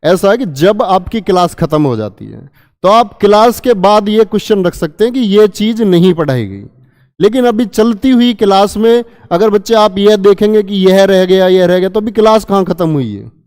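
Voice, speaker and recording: During an online exam-prep session on Hindi grammar, a man keeps posing repeated questions to his students and stretches sounds out as demonstrations. He speaks at a moderate pace with lively intonation, his high voice darkish in tone, in what sounds like a large hall.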